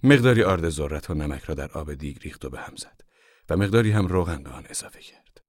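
A man narrates a novel as an audiobook with a calm, measured delivery. His voice sits very low and deep. The recording is close and completely dry. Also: no room sound. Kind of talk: scripted narration.

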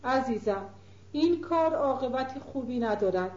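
A woman reading as a gentle worried old countess. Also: sits high, animated. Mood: gently warning. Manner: gently reasoning, affectionate. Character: older mother countess, gentle but worried. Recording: roomy, dull lo-fi recording.

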